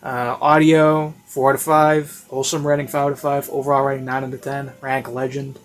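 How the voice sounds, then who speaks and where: Speaking a little fast at medium pitch with little pitch movement, a man offers an offhand, unscripted review. His delivery wanders and hesitates, full of self-interruptions, over background classical instrumental music.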